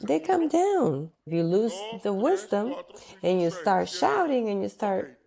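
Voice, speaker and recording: A woman's voice: medium pitch, big pitch swings, measured pace, creaky, a crowd in the background. A woman delivering a sermon in an emphatic style, repeating her key phrases for weight.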